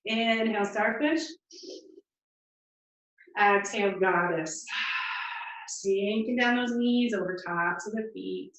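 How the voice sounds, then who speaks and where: A woman leading a yoga class, giving calm, encouraging cues and counting breaths, a little out of breath as she moves. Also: medium pitch, takes it slowly, pauses often, slight background noise. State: slightly out of breath. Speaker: yoga instructor. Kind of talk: guided yoga class instruction. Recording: distant, echoey, muffled room sound.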